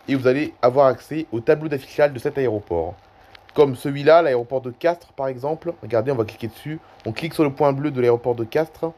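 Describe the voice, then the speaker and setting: A man at his desk talks through a flight-tracking map for his video viewers. His delivery is loose and conversational, full of small hesitations and self-corrections. His voice sits at an ordinary, middling pitch. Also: darkish tone. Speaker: YouTuber. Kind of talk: casual screen-recording commentary.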